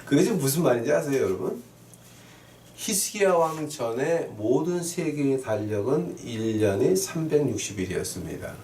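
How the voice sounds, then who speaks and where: This man preaches emphatically, with scripture readings, repeated key phrases, and rhetorical questions aimed at his listeners. His voice is mid-range and dark in tone. The recording carries roomy echo, a distant mic, and faint noise.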